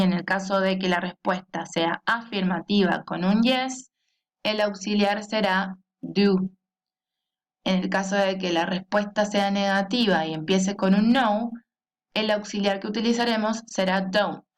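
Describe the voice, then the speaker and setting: A woman teaches a grammar lesson at a slow, careful pace. She pronounces each English example phrase clearly and keeps checking that her listeners are following her. Her voice sits at an ordinary pitch. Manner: deliberate, repeats a questioning "¿sí?" to check understanding.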